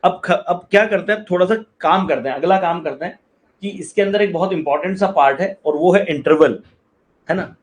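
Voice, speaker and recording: A man's voice: high-pitched, brisk, rough recording. A male math teacher lecturing in with a slight touch, explaining step by step and often asking students whether they understand. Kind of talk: classroom lecture.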